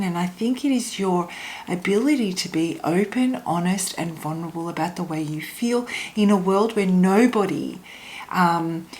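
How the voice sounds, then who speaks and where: A woman speaks at an unhurried pace in a mid-range voice, in the manner of a fortune teller reading oracle cards. She talks straight to her viewers without a script, pausing to reflect as she offers soothing spiritual guidance. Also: medium pitch, darkish tone, a little hiss or hum, rough recording. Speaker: oracle card reader.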